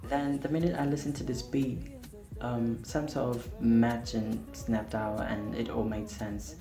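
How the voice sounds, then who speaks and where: A singer-songwriter who grew up speaking Portuguese talks to camera in a relaxed vlog, frank and mildly self-deprecating. He speaks a little slowly at medium pitch, in a level tone. There's a roomy echo, with music behind him.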